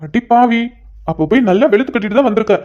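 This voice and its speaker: A woman voicing a shy young husband in a cartoon, speaking softly and apologetically one moment and teasing his wife the next. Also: fairly high pitch, animated, fast talker, lightly acted. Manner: soft, apologetic then playfully teasing. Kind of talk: cartoon dialogue voice acting. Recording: dull lo-fi recording.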